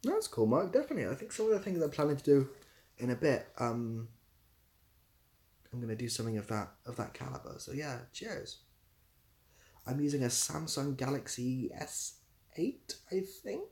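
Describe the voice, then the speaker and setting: A young man from southwest England, near Bath, hosts a casual livestream, rambling and poking fun at himself. His medium-pitched voice has a darkish tone and a sing-song lilt, moving at normal speed with long pauses. He's a livestream host and YouTuber.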